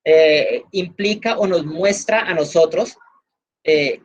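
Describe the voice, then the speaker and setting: A woman's voice: low voice, slow pace, a little mellow, lo-fi sound. Colombian woman teaching an online class. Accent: Valle del Cauca Colombian. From Valle del Cauca, Colombia. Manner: chatty, explains with everyday examples, many fillers. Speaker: instructor.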